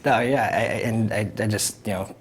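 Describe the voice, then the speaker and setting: A man's voice: fairly low pitch, a little fast, slight background noise. Hesitant young man co-hosting a chat show. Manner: hesitant, restarts often, chuckles. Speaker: co-host. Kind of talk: casual chat show banter.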